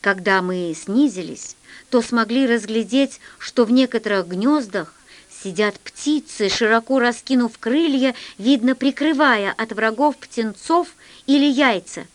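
A woman narrating a children's science fiction story in an expressive storytelling manner. Her voice sits fairly high. Her reading is scripted and even. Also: a little slow. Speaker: audiobook reader.

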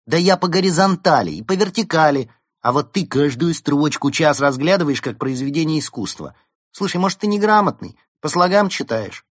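A man's voice: mid-range voice, sing-song, normal speed, fairly bright tone, husky, dry recording, studio quality, voice pushed up. A man reading a storybook aloud, voicing a bossy, teasing young female fox. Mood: mocking. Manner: mocking, teasing. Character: bossy quick-tongued young vixen.

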